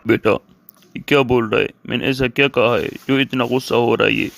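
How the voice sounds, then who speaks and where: A man's voice: medium pitch, steady tone, vocal fry, fairly bright tone. An actor playing a gullible, easily offended old grandfather who scolds and complains in a comedy skit.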